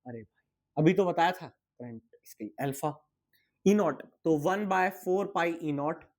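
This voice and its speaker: A man's voice: a little high, lively intonation, takes it slowly, darkish tone. A young man teaching physics in a casual, chatty exam-prep lecture, asking and answering his own questions and sounding tired.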